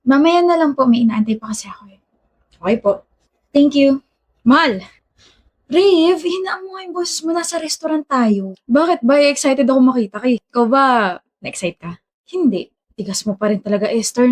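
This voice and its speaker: A woman performs both sides of a romantic skit, her delivery playful and teasing as she slips English phrases into Tagalog. Her voice sits somewhat high. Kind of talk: acted romantic skit dialogue.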